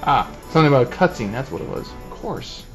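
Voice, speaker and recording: A man's voice: mid-range voice, lively intonation, very fast, faint music behind, low-quality recording. A man giving casual let's play commentary, offhand and jokey with some swearing.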